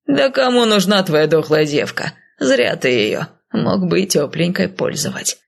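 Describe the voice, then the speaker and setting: A coarse, jeering male dungeon guard who mocks as he talks, as a woman reading an audiobook puts him on. His voice is gravelly and husky. He sounds crude and scornful. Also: on the low side, sing-song, measured pace, exaggerated voice. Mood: mocking. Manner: mocking, coarse. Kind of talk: audiobook character voice.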